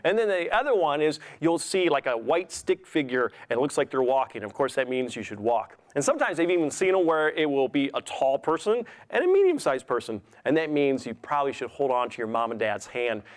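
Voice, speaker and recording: A man's voice: medium pitch, big pitch swings, brisk, few pauses. A man performing as a kids party magician, encouraging and playful, asking children simple questions as he talks them through a trick. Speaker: kids' magician, guest entertainer. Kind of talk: interactive children's magic show patter.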